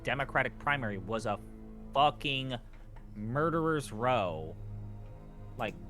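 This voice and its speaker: A man talks over a game stream in a mid-range voice, ranting animatedly with loose, casual phrasing. Game music sits clearly behind him. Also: medium pitch, animated, takes it slowly, sharp tone. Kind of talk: casual live-stream chat.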